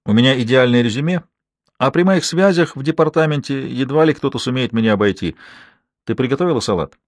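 Brief: self-assured husband, casual and smug, narrator's own take, dry audiobook. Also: male voice, mid-range voice, lively intonation, fast talker, no echo, pitched above the performer's own voice, close to an everyday voice. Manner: offhand, self-satisfied.

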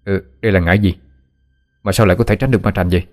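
A man's voice: sits low, fairly even intonation, racing, darkish tone, soft background music, close to an everyday voice. A man voicing a young village man who asks anxious questions and later wails in grief, in a told ghost story. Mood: puzzled.

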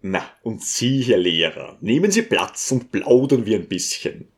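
A man voicing a smooth, scheming male visitor who talks in a coaxing, ingratiating way. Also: on the low side, lively intonation, measured pace.

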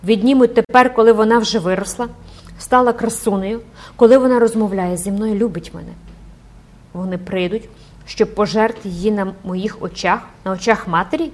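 A woman's voice: mid-range voice, normal speed, lightly acted. Woman doing a frantic older mother. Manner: emotional, exclaiming prayers.

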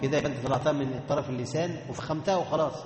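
A man with an Egyptian Arabic accent teaching Quran recitation, chanting sounds slowly and then explaining them quickly. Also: a little high, darkish tone. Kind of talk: tajweed lesson to students. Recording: echoey hall reverb.

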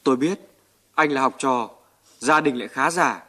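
A man's voice: mid-range voice, moderate pace. An actor playing a young militiaman who teases his comrades and looks after them in a radio drama. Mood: concerned. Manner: teasing, lively, polite to elders. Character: young male militiaman, teasing and caring.

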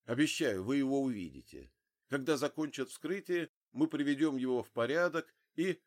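A man voicing a calm official who talks down an armed father, in an audiobook. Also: medium pitch, moderate pace, pitched above the performer's own voice, lightly acted. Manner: calm, firm. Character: calm male official, steady negotiator.

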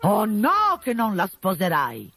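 A woman's voice: medium pitch, wildly swooping pitch, slow, bright, forceful tone, faint music behind, voice pushed up, exaggerated voice. A woman doing a spluttering irate old father. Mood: furious. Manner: scolding, spluttering.

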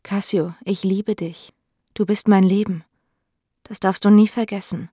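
A woman's voice: fairly high pitch, normal speed, no echo, studio quality, close to an everyday voice. A woman reading the part of a suspicious wife who presses her husband with questions. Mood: tender. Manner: probing, insistent questions.

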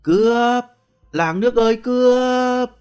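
Male narrator doing a hoarse blind old man, aggrieved and desperate, in a ghost-story audiobook. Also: mid-range voice, big pitch swings, fast talker, faint music behind. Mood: screaming. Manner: pleading then screaming for help. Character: elderly blind male lottery seller, wronged and desperate.

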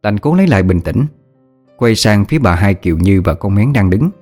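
Man, steady storytelling narration, lowish voice, soft music underneath. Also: fairly quick. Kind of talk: scripted ghost-story narration. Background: faint background music.

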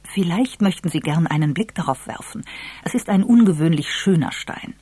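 A sly, good-humoured elderly gentleman who enjoys teasing, voiced by a storyteller. He speaks in a dry, easy tone with a slight breathiness. The sound is close and free of room echo. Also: mid-range voice, animated, normal speed, husky. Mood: genial.

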